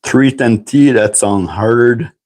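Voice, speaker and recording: A French-speaking man hosts a livestream, chatting casually and answering questions from viewers. His voice is medium-pitched and darkish, his pace slow, and he rambles along, clearing his throat often.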